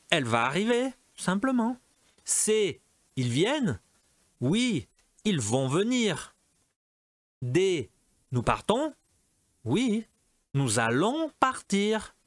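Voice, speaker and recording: Brief: male French teacher, slightly high voice, very slow and patient, dry close recording. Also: a bit bright, dry recording. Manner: switches between French and Portuguese explanations. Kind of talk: recorded language lesson.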